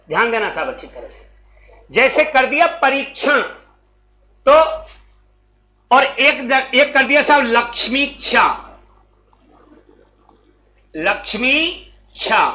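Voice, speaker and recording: A man's voice: extremely high pitch, sing-song, bright, forceful tone, low-quality recording. A male coaching-class teacher, teaching a Hindi grammar lesson in a classroom and calling questions out to his students. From Rajasthan. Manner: calls out questions to students and repeats answers; slow, drawn-out teaching delivery.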